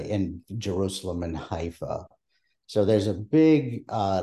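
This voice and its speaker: An older man from Palestine, answering oral history interview questions in a measured way with many hesitations. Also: deep voice, mellow. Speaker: interviewee, archive creator.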